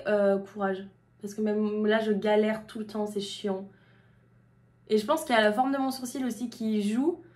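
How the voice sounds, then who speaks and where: A woman's voice: a little high, a little mellow. A young woman of about twenty, chatting casually to camera while doing her makeup, with many fillers. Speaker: beauty YouTuber. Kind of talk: casual makeup tutorial chat.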